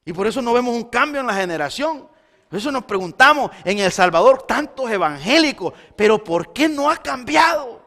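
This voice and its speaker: Pastor guy preaching hard, high bright voice, big church echo. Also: very animated, normal speed. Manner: impassioned preaching, swinging between loud emphasis and quiet intensity. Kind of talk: sermon. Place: church sanctuary. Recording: long church hall reverb.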